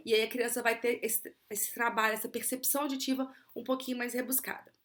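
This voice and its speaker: Woman explaining speech tips slowly. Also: fairly high pitch, flat delivery, fairly bright tone. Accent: Brazilian Portuguese. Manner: clear teacherly explaining, slows down to model words. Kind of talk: explanatory video lesson.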